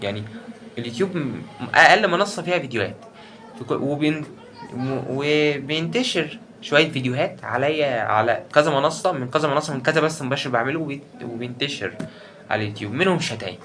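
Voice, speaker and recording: A man's voice: mid-range voice, lively intonation, quick pace, a bit bright, slight background noise. A young man with an Egyptian Arabic accent, talking straight to his viewers in an emotional, repetitive vlog rant. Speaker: YouTuber. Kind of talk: ranting vlog monologue.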